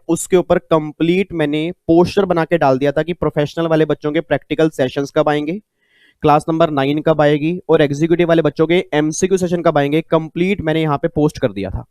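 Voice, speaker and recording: A man's voice: on the high side, a little mellow, no room sound. A man teaching an exam-prep lecture in a chatty way, repeating key points and mixing in English terms. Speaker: tax tutor.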